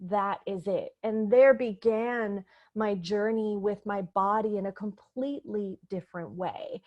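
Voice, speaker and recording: A woman's voice: medium pitch, unhurried, muffled recording. A woman from Puerto Rico, a coach and speaker, telling her story in an earnest, reflective way during a stage interview. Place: convention expo venue.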